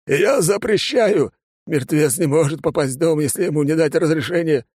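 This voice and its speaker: A man's voice: fairly high pitch, moderate pace, a little mellow, no room sound, clean studio sound, pitched above the performer's own voice. A man voicing a terrified, superstitious old drunk who shrieks and wails in slurred, hysterical rants. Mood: terrified shrieking.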